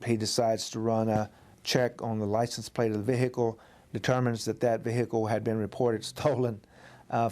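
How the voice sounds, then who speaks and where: A man being interviewed as a defense lawyer, explaining step by step and pausing on filler uhs. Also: mid-range voice, darkish tone.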